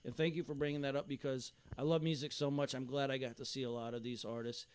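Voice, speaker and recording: A man hosting a podcast in casual chat, relaxed and teasing as he asks questions. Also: medium pitch, fast talker, smooth.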